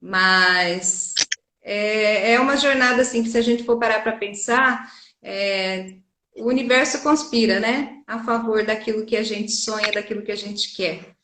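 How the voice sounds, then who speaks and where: A woman's voice: medium pitch, steady tone, measured pace, pushed and bright. A woman teacher with a Brazilian Portuguese accent, answering interview questions earnestly and explaining through many examples and tag questions. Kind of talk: interview conversation. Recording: echoey room.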